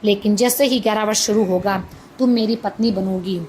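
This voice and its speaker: A woman's voice: medium pitch, steady tone, brisk, darkish tone, slight background noise, close to an everyday voice. A woman voicing a greedy boastful merchant. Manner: boastful, commanding. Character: greedy scheming male merchant, adult.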